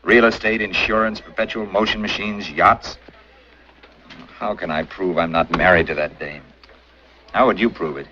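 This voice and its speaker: A man's voice: deep voice, normal speed, long pauses, sharp tone, a little hiss or hum. An actor playing an exasperated, scheming American newspaperman in 1940s screwball comedy banter, on a muffled old film soundtrack. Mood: pleading, aggrieved. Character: exasperated, fast-talking newspaperman, indignant and scheming.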